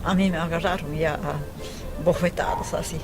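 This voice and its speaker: A woman's voice: fairly low pitch, fairly even intonation, moderate pace, loud music behind the voice. A woman from Peru giving a pained, hesitant testimony in an interview.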